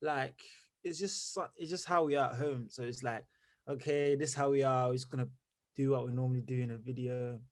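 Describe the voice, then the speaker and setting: A young man from Zimbabwe, a musician answering interview questions in an energetic, rambling way full of fillers. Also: mid-range voice, fairly quick. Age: young adult. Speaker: musician guest.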